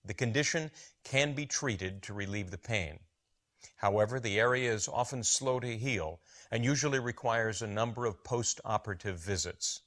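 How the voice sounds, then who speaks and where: A man playing a calm oral surgeon, explaining in measured, formal scripted narration. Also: lowish voice, natural voice. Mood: measured, explanatory. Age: 50s. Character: calm middle-aged male oral surgeon advising patients. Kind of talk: scripted patient-education narration.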